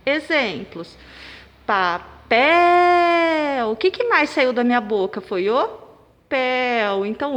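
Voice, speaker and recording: A primary school teacher guides children through a worksheet in a recorded remote lesson. Speaking slowly in a fairly high voice, she claps out syllables and stresses them loudly. The recording has long reverb and room echo.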